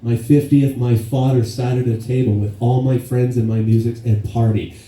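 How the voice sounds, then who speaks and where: A man in his fifties delivers a eulogy in an echoey hall, heard from far off the mic. His voice is dark and mellow, and he tells stories in a plain, casual way with some swearing. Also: medium pitch, fairly even intonation, normal speed. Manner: storytelling with laughs and acted quotes. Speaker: son giving a eulogy. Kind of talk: eulogy speech. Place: memorial gathering in a hall.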